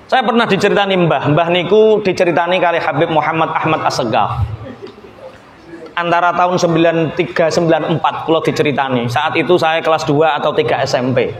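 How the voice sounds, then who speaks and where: A man with a Javanese accent preaching a sermon, telling a story lively and acting out its dialogue. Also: fairly high pitch, brisk. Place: gathering in Balikpapan. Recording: echoey room with faint ambience.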